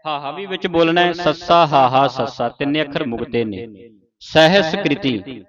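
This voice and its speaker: Man, patient recitation teacher, drawn-out repeated words, muffled recording, children murmuring around. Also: a little high, steady tone, crowd noise. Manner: patient, repeats words slowly and loudly to model pronunciation. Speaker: gurbani pronunciation teacher.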